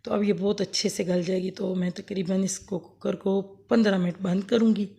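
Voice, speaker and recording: Woman, hoarse sore throat, gravelly, mellow tone, rambling homely recipe chat. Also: mid-range voice, steady tone, normal speed. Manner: homely, rambling, self-correcting explanations. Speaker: cooking vlogger. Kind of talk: casual cooking demonstration. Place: home kitchen, later outdoors under a fan.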